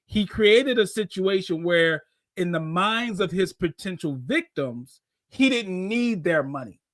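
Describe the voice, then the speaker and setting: A man with a fairly high voice hosts a live call-in show, explaining things at length in a loose, conversational way. The sound is dry and close, with no room around it. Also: a bit bright, dry recording. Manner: conversational, explains at length, brings callers on air. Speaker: host.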